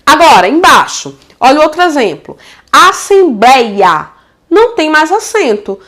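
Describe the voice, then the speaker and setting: Her voice is high as she teaches grammar in a relaxed video lesson, speaking with a Brazilian Portuguese accent. Affectionate and energetic, this Brazilian teacher keeps checking on her students and draws out sample words.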